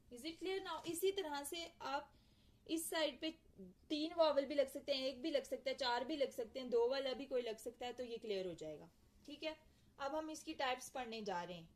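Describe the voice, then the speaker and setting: A young woman teaching a lecture in a casual, patient way, spelling words out letter by letter and often asking if the point is clear. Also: on the high side, rough recording. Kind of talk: casual lecture, code-switching with English terms.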